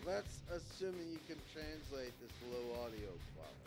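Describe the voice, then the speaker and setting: Gravelly joking man with lively pitch. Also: fairly quick, soft background music. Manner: joking, profane, breaks into song. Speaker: podcast co-host. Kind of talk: crude casual banter.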